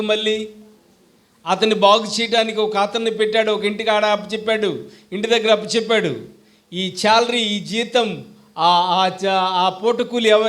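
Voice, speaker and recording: A male preacher with a Telugu accent, delivering a sermon in a lively call-and-response way. His voice sits a little high for a man, and he keeps firing questions at the congregation, shifting between loud calls and quiet asides. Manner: animated, swings between loud and soft.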